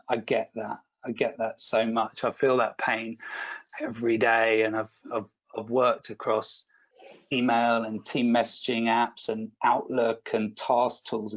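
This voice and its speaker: A man hosts an online product webinar with a chatty, self-deprecating delivery, and he often doubles back on his words. His voice sits at an ordinary middle pitch. The audio comes through slightly dull and lo-fi. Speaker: webinar presenter.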